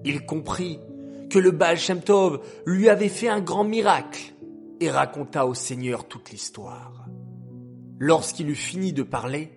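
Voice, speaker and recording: A man narrating a story in a slow, measured telling. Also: a little high, creaky, darkish tone, soft background music.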